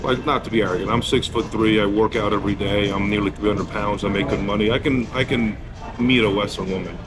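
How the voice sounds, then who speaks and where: A man's voice: on the low side, fairly even intonation, quick pace, music in the background. A man from Poland answering street-interview questions, giving blunt and candid opinions about travel and dating. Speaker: interviewee, business owner.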